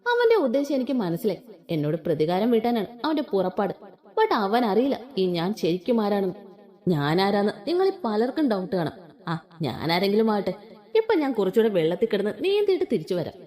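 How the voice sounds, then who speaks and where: A woman's voice: medium pitch, very animated, a little fast, mellow. A young woman telling a first-person story in a playful, mischievous way.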